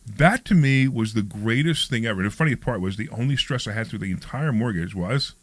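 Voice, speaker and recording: A man's voice: lowish voice, lively intonation, brisk, dry recording. A man in his sixties hosting a radio talk show, chatting casually, rambling with frequent restarts. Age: 60s.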